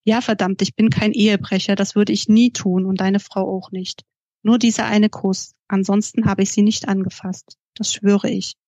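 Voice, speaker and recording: A woman's voice: medium pitch, level tone, normal speed, a little mellow, dry recording, close to an everyday voice. A woman voicing a restless musician, an older brother who talks in an earnest, pleading way.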